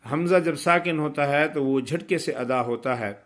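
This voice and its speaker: A man giving a tajweed lesson, explaining pronunciation rules and reciting verses slowly and melodically to show them. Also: on the high side. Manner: imitates common mistakes to correct them. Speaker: Quran recitation teacher.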